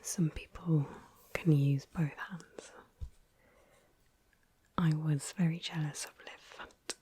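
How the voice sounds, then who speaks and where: A woman whispering softly and gently through an ASMR interview roleplay. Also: low voice, slight background noise. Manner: soft, slow, gentle whispering. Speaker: ASMR creator.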